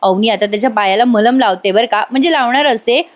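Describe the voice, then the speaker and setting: A woman with a fairly high voice narrating a casual episode recap. She tells it in a chatty storytelling manner and keeps addressing her viewers. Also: fast talker. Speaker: serial review host. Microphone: voice-over.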